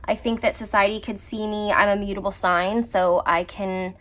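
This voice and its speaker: A woman talks through a tarot reading about herself in a relaxed, confiding way. She laughs often and pauses to rethink her words, so her sentences trail off and restart. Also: medium pitch. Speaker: tarot reader. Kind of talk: casual personal tarot reading.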